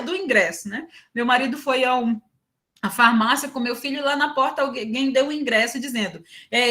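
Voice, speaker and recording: A Brazilian woman gives an academic talk with a high, bright-toned voice. She moves between careful lecturing and lively storytelling. She keeps checking in with her listeners through a constant "né". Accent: Brazilian Portuguese. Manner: frequent "né" tags, lively storytelling. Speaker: university lecturer. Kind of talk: academic talk with personal anecdotes.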